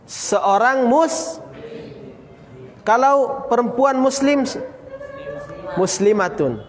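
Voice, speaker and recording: A man teaching a Quran recitation lesson, drilling students with repeated questions and slowly chanting example words. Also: extremely high pitch, in a large hall. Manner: occasional coughs, casual. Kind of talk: classroom tajwid lesson.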